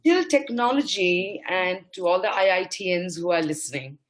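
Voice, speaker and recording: A woman from India speaking as a panelist, making impassioned, emphatic points that climb higher in pitch when she stresses them. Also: moderate pace. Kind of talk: panel discussion.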